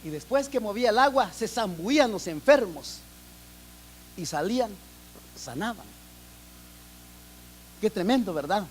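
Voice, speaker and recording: A man's voice: sits high, lively intonation, unhurried, long pauses, slight background noise. A man from Guatemala with a Guatemalan accent, preaching a sermon in an earnest way, often repeating and restarting phrases. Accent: Guatemalan Spanish.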